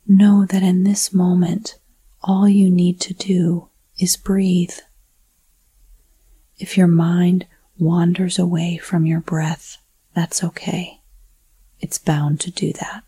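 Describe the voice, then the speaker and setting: A woman whispers a guided breathing meditation in a slow, unhurried, soothing way. Her breathy voice sits a little low and mellow, recorded close and dry with no room sound. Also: little pitch movement, dry recording.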